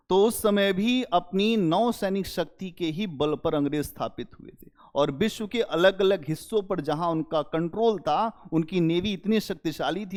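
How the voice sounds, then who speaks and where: A high-pitched man gives a history lecture to students preparing for exams. He's emphatic and deliberate, frequently putting rhetorical questions to the class.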